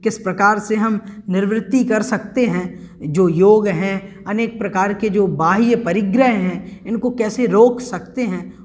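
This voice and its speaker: A man teaching a scripture class, explaining verses slowly and carefully and repeating words so learners get the pronunciation right. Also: high voice. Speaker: religious teacher. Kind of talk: chanted Sanskrit verse recitation. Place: home, online class recording.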